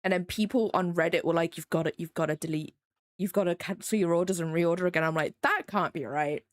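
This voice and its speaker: Talking fast in a voice on the low side, this young woman from England has a faint Midlands accent. She draws while casually rambling to her live-stream chat, often self-deprecating. There's no room sound on the recording.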